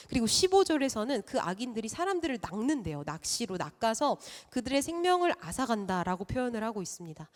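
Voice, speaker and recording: A woman junior pastor preaching a sermon in a church, often putting rhetorical questions to her congregation. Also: fairly high pitch. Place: church sanctuary. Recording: long reverb of a church hall.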